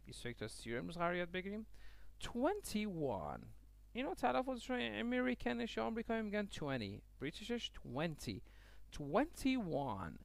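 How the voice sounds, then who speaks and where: A man teaching a language lesson who reads word lists, saying each English word slowly and deliberately, then giving its meaning and quick explanations. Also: sits high, big pitch swings, gravelly.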